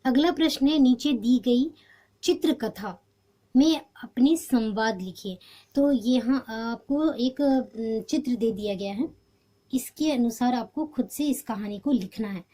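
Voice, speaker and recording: Woman teacher, patient and mellow, walking students through a lesson. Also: on the high side, takes it slowly. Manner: patient, explains step by step. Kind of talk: homework walkthrough lesson.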